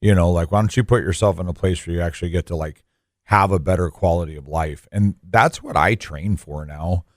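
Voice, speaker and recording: A man's voice: low-pitched, brisk, no room sound, studio quality. A man of forty co-hosting a radio show, talking informally and emphatically, repeating phrases for stress. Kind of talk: conversational radio talk with personal asides.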